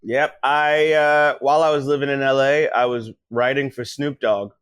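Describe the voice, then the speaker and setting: A man telling animated stories in casual podcast chat, often putting on voices for the people he quotes. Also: mid-range voice, moderate pace, clear, resonant tone, no echo. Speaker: podcast guest, comedian.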